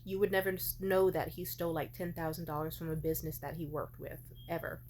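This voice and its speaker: A woman's voice: sits low, flat delivery, fast talker, a little mellow, a little hiss or hum. A hungover woman vlogger rambling through her opinions casually, with blunt, profane and digressive delivery.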